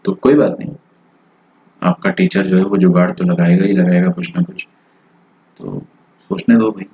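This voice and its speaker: A man teaching maths in a live online lecture, working problems out loud in Hindi-English and checking in with students with frequent tag questions. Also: sits low, steady tone, normal speed, a little hiss or hum, poor audio. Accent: Indian. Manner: thinks aloud while solving, mixes in English phrases.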